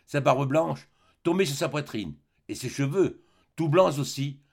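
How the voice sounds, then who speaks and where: A man's voice: a little slow, vocal fry. A man reading a literary story aloud as an audiobook narrator, voicing the characters along the way. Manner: voices the characters with shifts of pitch. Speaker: audiobook reader.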